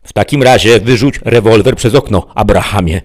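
A man voicing a wry male sheriff with a calm, coaxing yet firm manner and a husky voice. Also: on the low side, moderate pace, pitched above the performer's own voice, lightly acted.

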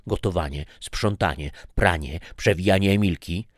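A man voicing a harried young mother who talks to her husband in a sharp, reproachful, rushed way. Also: on the low side, sing-song, slightly rough, no echo, clean studio sound, pitched above the performer's own voice. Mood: exasperated.

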